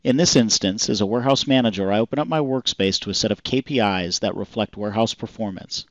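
A man calmly reading a scripted software demonstration voice-over in an even, explanatory way. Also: lowish voice, fast talker, dry recording. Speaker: software demo narrator. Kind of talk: scripted product demo narration.

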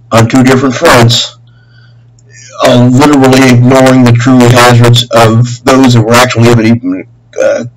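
Calling a government office from a small room in his home, a middle-aged man delivers an unplanned, meandering complaint in a mid-range voice. He is earnest and aggrieved, stumbling, repeating himself, and stringing together long sentences. The home webcam recording is noisy and hums.

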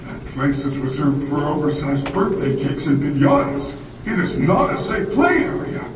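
A gentle care robot with a calm, mechanical, reassuring voice, speaking with polite, measured care. The game audio plays from speakers, so it sounds roomy and distant under a noisy layer. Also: male voice, a little high. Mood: calm caring. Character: gentle, protective male robot entertainer, large and kindly.

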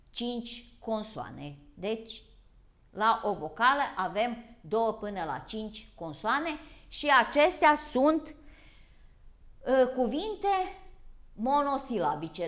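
A woman from Vojvodina with a local Romanian accent, teaching a school grammar lesson in a slow, deliberate way. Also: on the high side, a bit bright. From Vojvodina, Serbia. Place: broadcast TV lesson.

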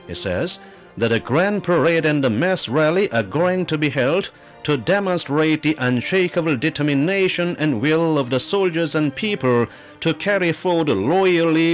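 A man reading scripted documentary narration in a formal, measured manner. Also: a little high. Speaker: English voice-over narrator.

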